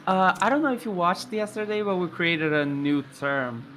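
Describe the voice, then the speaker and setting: A man chatting as co-commentator on a sim race broadcast, casual and quick to laugh. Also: high-pitched, a little hiss or hum. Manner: lively, laughs often. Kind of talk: casual banter.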